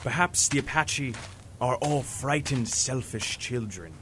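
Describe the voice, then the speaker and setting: A man playing a calm, high-minded mentor professor in an audio drama, formal, measured and persuasive. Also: slight background noise. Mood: challenging.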